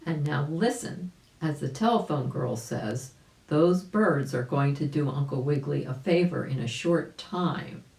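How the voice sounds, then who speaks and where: A volunteer storybook reader, a woman with a low, darkish voice, narrates a children's story a little slowly and with lively intonation. She explains things and talks directly to her young listeners, and the room sounds echoey.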